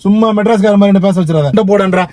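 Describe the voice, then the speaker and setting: A man's voice: high voice, very fast, dark tone, no echo, soft background music. A man caught in a car prank, exasperated and pleading to be let out. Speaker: taxi passenger and prank target. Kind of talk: unscripted argument. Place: inside a car.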